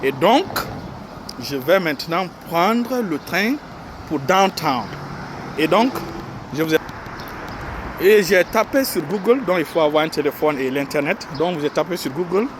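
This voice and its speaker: Man, walking vlog, slow halting speech, city traffic and subway noise. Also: on the high side, animated. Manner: slow, repetitive, halting explanation with many fillers. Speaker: vlogger. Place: outdoors on a city street, then down into a subway station. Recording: street and subway noise behind the voice.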